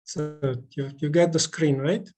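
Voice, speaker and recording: A man's voice: fairly high pitch, fairly even intonation, dark tone. Hesitant Russian-born man on a video call. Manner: halting, many fillers and restarts. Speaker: conference speaker. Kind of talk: online conference presentation.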